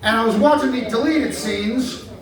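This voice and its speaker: High-voiced man roasting friends, echoey hall. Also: normal speed. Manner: wry, teasing, playful sound effects. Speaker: comedian roasting colleagues. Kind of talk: stand-up roast toast. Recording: echoey hall, distant mic, crowd laughter.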